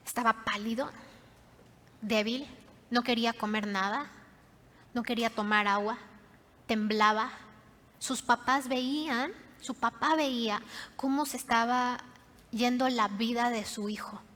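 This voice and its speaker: A woman's voice: fairly high pitch, a little slow, long pauses. Woman preaching in a reverberant hall. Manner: dramatic storytelling, dropping to soft hushed tones. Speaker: pastor. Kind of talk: sermon. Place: church hall.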